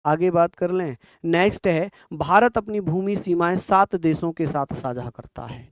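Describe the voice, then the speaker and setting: A young man coaches students for an exam in a rapid, drilling style, repeating each answer and firing questions back at his listeners. His voice sits high and rings clear, recorded dry and close. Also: dry recording. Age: young adult. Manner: fast, repetitive, quizzing listeners. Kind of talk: fast-paced online exam lesson.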